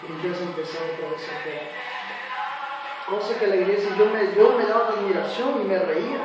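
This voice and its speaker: A man's voice: high-pitched, fairly quick. A man giving an earnest, dramatic church testimony, acting out the voices in his story. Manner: earnest, dramatic retelling with acted quotes. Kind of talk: spoken personal testimony. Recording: very echoey, far from the mic, faint music.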